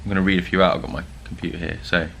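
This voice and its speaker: A young man talks casually to camera as a vlog host, chatty and joking, with plenty of ums and uhs. His voice sits a little low. A faint hum of ambience stays under him. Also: flat delivery, racing, gravelly, a bit bright. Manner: chatty and joking, with frequent fillers.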